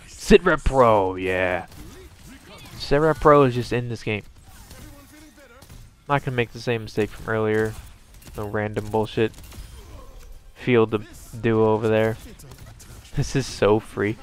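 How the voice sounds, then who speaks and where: A man's voice: on the low side, steady tone, unhurried, pauses often, clear, resonant tone. A man giving wry, sarcastic running commentary on his own gameplay, swearing freely.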